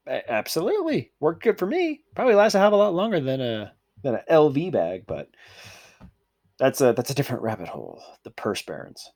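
A man co-hosting a podcast in a casual, profane rant. His pitch swings widely as he gets worked up, and he swears freely while he talks. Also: fairly quick. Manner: animated, ranting, swears freely. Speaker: podcast co-host.

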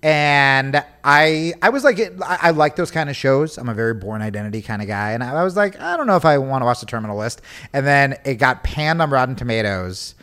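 A young podcast host chats casually and jokes around, animatedly acting out the voices of people he quotes. His voice is mid-range and clean, delivered fairly quickly with few pauses.

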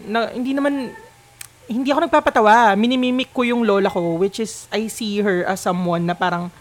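A man's voice: high-pitched, steady tone, normal speed. A man co-hosting a podcast, chatting casually and thinking aloud at length in a reflective way. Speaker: podcast co-host. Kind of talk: casual chat.

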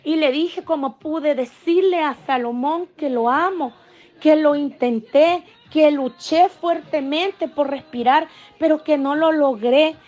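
A woman's voice: sits high, lo-fi sound. A woman giving an emotional church testimony, earnestly addressing the congregation as brothers and sisters.

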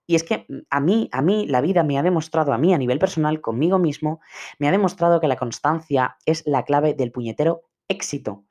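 A young man talks to his podcast listeners as a personal development coach. He is earnest and emphatic, and he drives his points home by saying them again and again. His speech is relaxed and unscripted, with frequent restarts and little fillers. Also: a little high, fairly quick. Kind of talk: podcast monologue.

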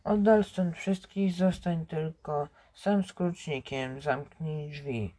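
Reader doing an old priest confessing, real slow, dark soft voice. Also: medium pitch. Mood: solemn. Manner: slow measured recitation with stumbles. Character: aging male priest making a confession.

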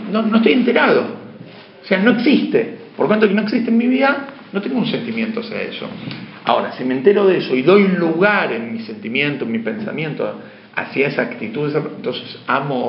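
A man's voice: fairly high pitch, big pitch swings, fairly quick. Male teacher, lecturing a class and questioning it, faint hum behind, dull recording. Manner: asks questions of the class, shifts between emphatic and hushed. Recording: dull, roomy lo-fi room sound.

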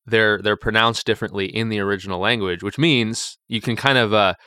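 A man who is a vicar, co-hosting a casual Bible study podcast and thinking aloud with restarts and quick asides. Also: on the low side, steady tone, bright, forceful tone, clean tone, dry recording, studio quality.

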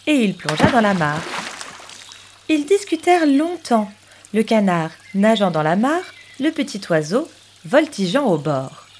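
A woman narrating a children's story in an expressive, animated storybook manner. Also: mid-range voice, unhurried, slight background noise.

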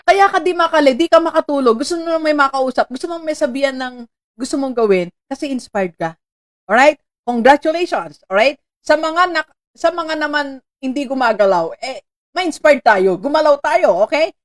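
A Filipino woman hosting a live-streamed motivational talk, chatty and animated, laughing often and greeting viewers by name. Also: sits high, moderate pace. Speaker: motivational host.

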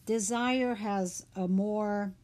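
A woman hosting a reflective talk on the meaning of words, speaking in an unhurried, thoughtful way with fillers. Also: medium pitch, fairly even intonation, a little mellow.

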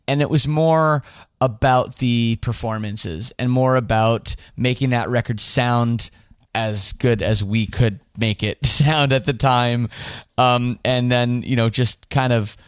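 The host, a Canadian man, answers listener questions on his podcast in a casual, rambling way, often backtracking and restarting with fillers. His medium-pitched voice sounds smooth and resonant, recorded close and dry with no room sound or echo.

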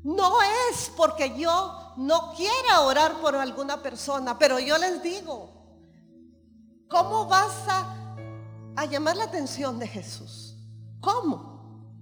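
Woman preacher, emphatic and repetitive, slow delivery in an echoing hall. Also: high voice, lively intonation, fairly bright tone. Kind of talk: sermon. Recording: reverberant hall with faint music.

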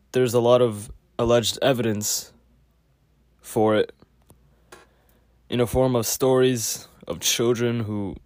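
A man giving a casual spoken lecture with a clogged nose, halting often with fillers and restarts. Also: mid-range voice, darkish tone, no echo, clean studio sound. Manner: halting, many fillers and self-corrections. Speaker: podcast host.

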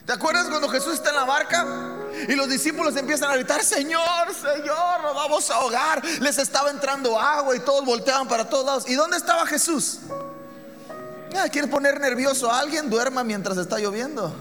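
A man's voice: very high-pitched, a little fast, sharp tone, long reverb tail, soft background music. A man preaching a sermon as pastor, emphatic, with rhetorical questions to the congregation.

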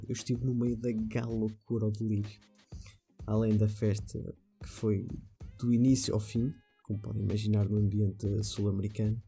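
Man, podcast host, conversational monologue, very mellow dark tone, faint background music. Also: medium pitch, gravelly.

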